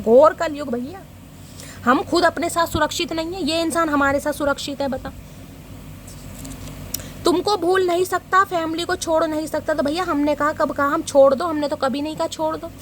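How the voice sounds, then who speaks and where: High-pitched lady doing a chatty tarot reading, teasing and joking with viewers, bit of faint noise behind. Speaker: tarot reader.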